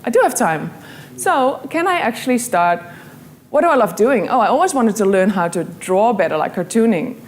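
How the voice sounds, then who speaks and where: Her pitch is medium and her pace moderate, but her delivery is expressive as she addresses a crowd. She is a young Dutch-accented woman from the Netherlands, earnestly recounting a story and quoting her own inner thoughts to motivate listeners.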